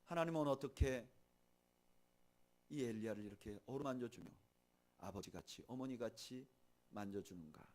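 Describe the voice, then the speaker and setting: A man preaching a sermon as pastor, swinging from loud, emphatic lines to soft, hushed ones, and slowing down to read scripture aloud. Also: mid-range voice. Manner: slow measured reading of scripture with the congregation. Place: church sanctuary.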